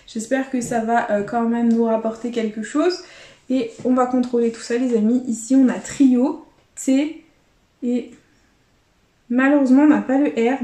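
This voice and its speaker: A woman's voice: a little high, dark tone. A woman YouTuber chatting casually to her viewers as she scratches lottery tickets, calling them friends. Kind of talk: casual running commentary. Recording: echoey room.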